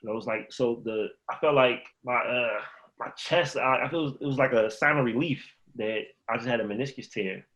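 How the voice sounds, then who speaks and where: A man's voice: mid-range voice, normal speed, fairly bright tone, poor audio. A man in his thirties from the Chicago area, a podcast guest telling a rambling story and acting out remembered conversations. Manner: rambling, acts out remembered dialogue. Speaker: podcast guest, former pro basketball player. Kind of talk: casual storytelling interview.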